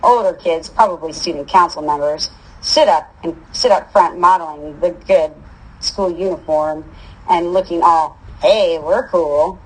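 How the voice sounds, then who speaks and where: A woman's voice: fairly low pitch, normal speed, husky, poor audio. A woman reading a first-person story aloud in a casual, wry manner. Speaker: audiobook reader.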